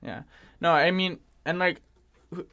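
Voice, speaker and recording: A young man co-hosting a podcast in casual chat, animated and profane, laughing often. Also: on the high side, measured pace. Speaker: podcast co-host.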